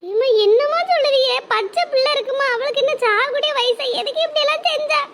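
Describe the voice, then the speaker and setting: Woman playing a worried village auntie in a cartoon, super high squeaky voice. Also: fast, very noisy. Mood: distraught. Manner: fretful, talks her worries over at length. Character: anxious village woman, middle-aged, gentle and fretful. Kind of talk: cartoon drama voice acting.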